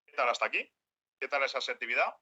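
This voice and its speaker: A man leads a workshop talk for a group, his tone strikingly bright and forward. He often acts out what people might say. The recording sounds dull and lo-fi. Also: mid-range voice, quick pace, husky. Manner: acts out quoted speech, animated. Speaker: workshop speaker. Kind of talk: lecture to a group.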